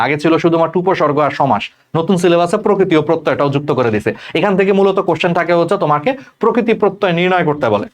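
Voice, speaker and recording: Fast-talking young male tutor. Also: a little high. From Bangladesh. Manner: fast, chatty, addresses students as "bhai", many checks like "thik ache?". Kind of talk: online exam-prep lecture.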